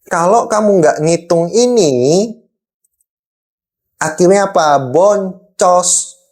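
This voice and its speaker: Exasperated angry boss, a higher-voiced East Javanese man. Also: normal speed, a little mellow. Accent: Indonesian, East Javanese. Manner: angry boss, scolding and exasperated with pointed rhetorical questions. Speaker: boss scolding an employee about debt. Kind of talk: spoken role-play monologue as an angry boss.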